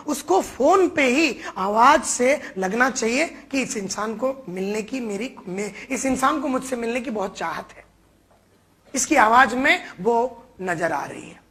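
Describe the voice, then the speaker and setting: A man's voice: very high-pitched, sharp tone, breathy edge. A man giving an emphatic sales training talk, coaching his listeners. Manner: emphatic, mixes Hindi and English, coaching.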